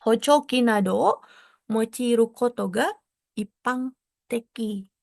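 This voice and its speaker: Slow, gravelly-voiced woman tutor. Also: a little high, dry recording, clean studio sound. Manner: explains step by step, drops in foreign technical terms and glosses them; frequent tag questions and soft checking fillers. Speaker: exam prep tutor. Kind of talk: explanatory online lesson.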